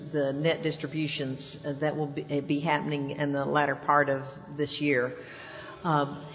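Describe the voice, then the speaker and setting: A woman bishop answers a panel question in a very low voice, steady and informative. Her words hang in a long hall reverb. The recording is muffled and lo-fi. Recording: reverberant hall, dull lo-fi sound.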